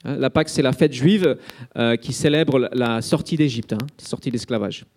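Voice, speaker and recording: A man's voice: mid-range voice, moderate pace, a little mellow. A man preaching an Easter sermon, telling it as a vivid story with frequent little fillers. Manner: vivid storytelling, dramatizing the scenes; frequent fillers like "hein" and "euh".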